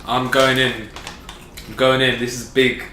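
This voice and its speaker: A man's voice: mid-range voice, little pitch movement, a little slow, bright, forceful tone. A man chatting casually as a panellist on a snack review. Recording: echoey room, off mic, background noise.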